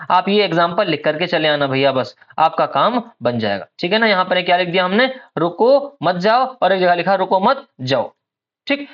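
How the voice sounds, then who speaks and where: Patient male teacher, slightly dull recording. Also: high-pitched. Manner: explains patiently, calls listeners "beta", keeps checking they follow. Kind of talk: exam-prep lecture.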